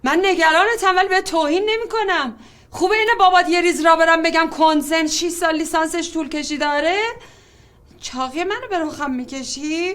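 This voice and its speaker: A woman's voice: extremely high pitch, fairly bright tone. An anxious, overprotective mother. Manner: worried, pleading, then heated. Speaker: mother in a film drama. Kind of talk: film drama acting.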